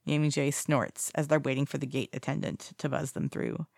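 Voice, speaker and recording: Gravelly-voiced fiction reader. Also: medium pitch, moderate pace, a little mellow, dry recording, studio quality. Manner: casual reading with small slips and self-corrections. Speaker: narrator. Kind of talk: fan fiction audiobook reading.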